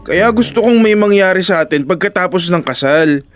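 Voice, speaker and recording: An actor playing an insecure young boyfriend in a radio drama, talking in a lively, pleading way. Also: male voice, high-pitched, moderate pace, soft background music.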